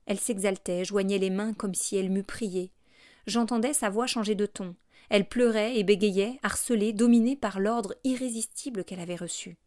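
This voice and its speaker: A woman narrating a classic story as an audiobook, in a measured and expressive reading. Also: medium pitch, no room sound, studio quality. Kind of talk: scripted narration of a literary text.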